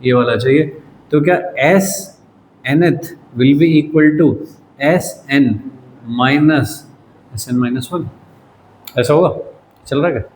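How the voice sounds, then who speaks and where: A man's voice: mid-range voice, slow pace, long pauses, darkish tone. Man teaching physics in an echoey classroom. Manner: quizzing students, teasing and casual. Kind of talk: classroom lecture. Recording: echoey room with faint noise.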